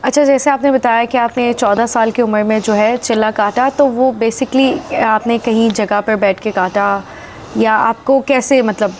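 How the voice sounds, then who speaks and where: A woman interviewer with a slightly high voice asks long, winding questions and fills the pauses with short acknowledgements. A faint hiss of noise sits under her voice. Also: steady tone. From Pakistan. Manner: mixes English words into her questions, lots of short acknowledgements. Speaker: interviewer host.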